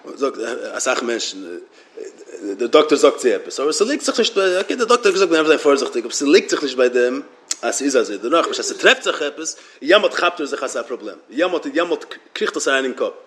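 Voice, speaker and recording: A man giving a Torah lecture as a religious teacher, halting and often repeating words as he restarts his sentences. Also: medium pitch, big pitch swings, fairly bright tone.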